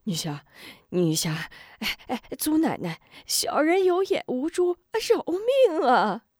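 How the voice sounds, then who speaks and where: A woman's voice: a little high, big pitch swings, a little slow, no echo, clean studio sound, voice pushed up, exaggerated voice. A woman voicing a cowardly male henchman who grovels and stammers, full of nervous fillers. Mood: pleading, panicky.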